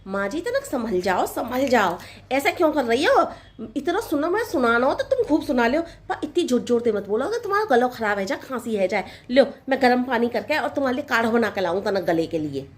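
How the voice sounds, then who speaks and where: A woman's voice: fairly high pitch, sing-song, fairly quick. A woman voicing a young, uneducated village daughter-in-law with simple rustic speech, coaxing and naive, in a comic sketch.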